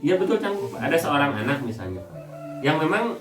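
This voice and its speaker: Over music, an Islamic preacher addresses his congregation on family matters, his young male voice fairly high-pitched and fairly quick with a Sundanese lilt to his Indonesian. His delivery is lively, built around humorous anecdotes from his own life. The sound is echoey and distant, with noise in the background.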